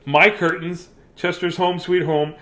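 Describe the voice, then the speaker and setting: A man hosts an informal children's read-aloud, playful and rambling, often stopping to comment on the book. His voice is a little high and fairly bright, with a flat, unhurried delivery.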